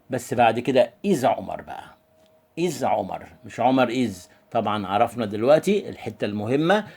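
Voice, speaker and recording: A man with an Egyptian Arabic accent gives a lively grammar review lesson as an English teacher, often acting out imagined student questions. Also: mid-range voice.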